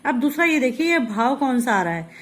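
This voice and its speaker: A woman from India teaching a Hindi grammar lesson, patiently explaining step by step and reading example sentences slowly. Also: high-pitched, big pitch swings, a bit bright.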